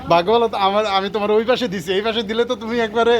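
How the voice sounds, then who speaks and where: A Bangladeshi man chats casually and excitedly at a quick pace. He repeats his phrases insistently. Clear outdoor noise surrounds his voice. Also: sits high. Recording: noisy outdoor amusement park recording.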